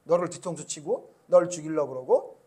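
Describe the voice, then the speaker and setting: A stern, demanding God, voiced by a high-pitched male preacher fires blunt rhetorical questions at a weary prophet. The tone chides rather than comforts, in a sermon retelling. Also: expressive, brisk. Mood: chiding.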